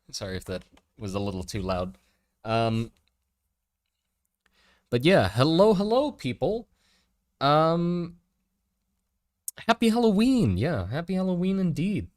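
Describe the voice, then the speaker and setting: A man hosting a casual livestream, rambling and hesitant with many fillers and restarts, breaking into bursts of loud excitement. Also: lowish voice, no room sound, clean studio sound. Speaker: livestream host.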